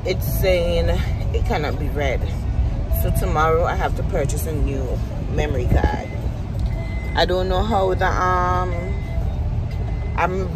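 Woman vlogger, unhurried and low, phone mic, music behind. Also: low-quality recording. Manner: relaxed, chatty, slangy. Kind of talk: casual vlog chat. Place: inside a car at night. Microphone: phone held at arm's length.

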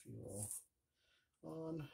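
The DIY mechanic host, a middle-aged man with a Canadian accent, draws out his words in a warm, fairly high voice as he casually thinks aloud over a mini bike. It's laid-back, colloquial garage talk, recorded with clear noise and clicks.

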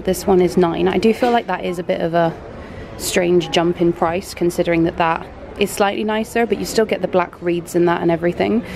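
A young British woman narrates a shopping trip in casual, bargain-hunting chatter. Her voice has a gravelly, fry-tinged edge. She was recorded on a handheld camera in a large store, with clear background noise throughout. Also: lowish voice. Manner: chatty, enthusiastic about bargains. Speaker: home shopping vlogger. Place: large indoor homeware store. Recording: noisy store ambience.

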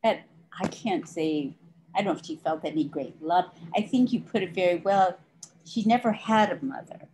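An older woman speaking in a book club discussion over a video call, measured and reflective. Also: fairly low pitch, darkish tone, slight background noise, low-quality recording. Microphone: video call webcam.

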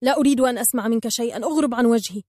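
A woman's voice: fairly high pitch, steady tone, racing, no echo, studio quality, close to an everyday voice. A woman voicing a stern, hot-tempered young male hero who speaks sharply and gives orders. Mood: angry. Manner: sharp and commanding.

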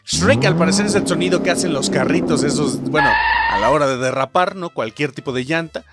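A young man commentating a video game, shouting, laughing and swearing as he plays. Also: fairly high pitch, a little fast, creaky. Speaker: gaming youtuber. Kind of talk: excited gameplay commentary. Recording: game music behind the voice.

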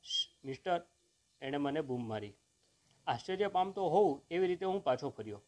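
Guy reading a funny short story out loud, kinda high voice, steady and expressive. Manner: measured, expressive first-person storytelling. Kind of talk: scripted narration of a humorous short story.

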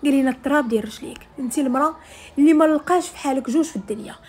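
A woman's voice: high-pitched, rapid-fire, a little mellow. A woman with a Moroccan accent telling a personal story in the first person, conversationally, speaking straight to her female listeners.

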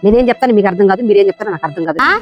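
A woman plays a tired schoolteacher in a comedy sketch, explaining herself again and again. Her voice drops low and weary, and her patience is running out. Soft music sits under her. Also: lo-fi sound, natural voice. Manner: lower, weary, explaining slowly. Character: exasperated schoolteacher woman, patient but fed up.

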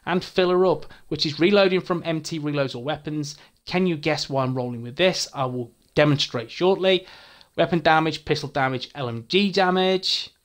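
A man's voice: on the high side, a bit bright. A young man, a gaming channel host, eagerly walking through his game character's gear with casual swearing and frequent stumbles over words. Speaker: gaming YouTuber. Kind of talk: game build walkthrough.

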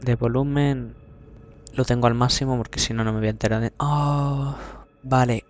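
A young Spanish man with a medium-pitched, fairly even voice talks quickly over loud game music. He's doing chatty let's-play commentary, poking fun at himself and swearing casually.

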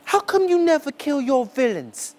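Very animated with a darkish tone, a man performs a theatrical spoken-word monologue on a dark, smoky stage, playing a lonely boy who pleads to be a sidekick. His bitter, earnest delivery is slow and deliberate, with pitch rising on the key words.

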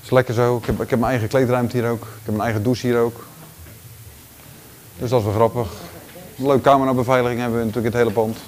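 A man in his forties with a Rotterdam Dutch accent, giving a relaxed walking tour of his large indoor gym, talking casually with lots of fillers and restarts. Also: mid-range voice, quick pace, slight background noise. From Netherlands. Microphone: handheld camera following him.

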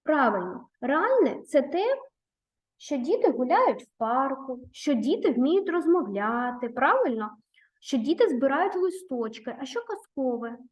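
A woman teacher who reads a children's story aloud expressively and then leads a video lesson with gentle, coaxing questions. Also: sits high, sing-song, a little slow. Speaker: primary school teacher.

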